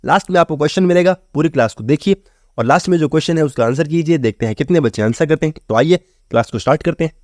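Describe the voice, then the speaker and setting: A man's voice: a little high, very fast, darkish tone, no echo, clean studio sound. A man teaching English vocabulary for exam prep in a chatty way, often saying the words are very easy. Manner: chatty, repeats "theek hai" and "bahut easy hai".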